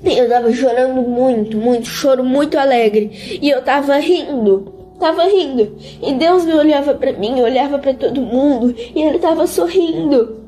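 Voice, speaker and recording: A teenage girl giving an emotional testimony in an interview, speaking earnestly and haltingly and repeating words over and over. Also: high-pitched, warm tone, soft background music.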